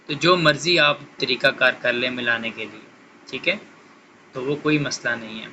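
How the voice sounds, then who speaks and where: A man teaching Quran recitation to beginners, patiently explaining rules and slowly spelling out letters syllable by syllable. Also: medium pitch, dull audio, background noise. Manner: slow drawn-out syllables when spelling letters.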